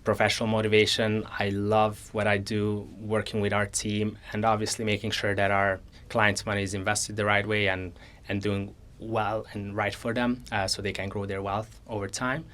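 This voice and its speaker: A man in his twenties from Hungary, a company co-founder answering interview questions in an earnest, measured way with frequent restarts. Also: lowish voice, little pitch movement, fairly bright tone. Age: 20s. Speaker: co-founder guest. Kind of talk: conversational interview.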